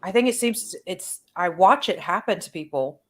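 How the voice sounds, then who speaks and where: A woman's voice: lowish voice, animated, moderate pace, a bit bright. A woman speaking earnestly and emphatically, sharing personal views in a casual, reflective discussion.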